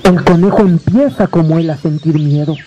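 A man with a Mexican accent telling a folk tale to a live audience, with dramatic drawn-out repetitions and joking asides. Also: a little high, dark tone, highs cut off, slight background noise. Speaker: storyteller. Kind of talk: live oral storytelling.

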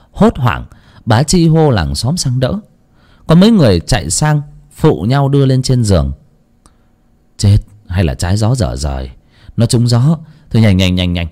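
A man telling a dramatic village story as narrator, animated and shifting into character voices. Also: mid-range voice.

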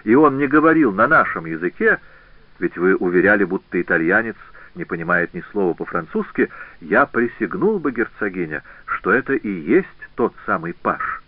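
A man's voice: on the low side, big pitch swings, moderate pace, dry recording. A man reading an audiobook voicing a stern, officious provost. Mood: insistent. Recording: tinny phone-like band, dry.

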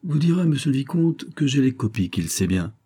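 A man's voice: medium pitch, very animated, brisk, mellow, breathy edge, pitched above the performer's own voice. A man voicing a cunning young man who poses as a servant and speaks in a sly, insinuating way, in an audiobook. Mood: knowing.

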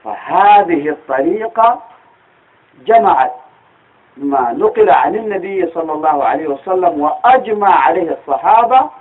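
A Sudanese Arabic-accented man gives a religious lecture in a husky, fairly high voice. He explains patiently, often pausing to ask his listeners a rhetorical question. The sound is thin and tinny, as if over a phone line. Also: lively intonation. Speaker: teacher of Quranic studies.

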